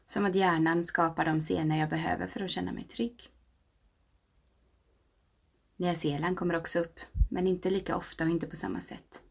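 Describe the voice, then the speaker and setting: Woman, 30s, gravelly low voice; slow intimate meditative reading with whispered passages. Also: darkish tone. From Sweden. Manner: slow, reflective and intimate, often dropping to a whisper. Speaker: narrator.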